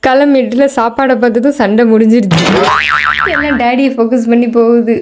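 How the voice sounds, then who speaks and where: A woman's voice: a little high, fairly quick, noisy background. A woman narrating a short film about her pet goats, teasing and playful. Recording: faint music underneath.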